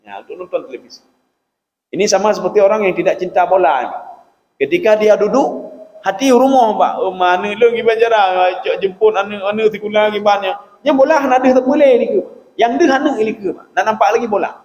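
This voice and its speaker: A man preaching a sermon, animated and often turning to his listeners with "Pak". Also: sits high, fairly quick. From Aceh, Indonesia. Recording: echoey hall with long reverb.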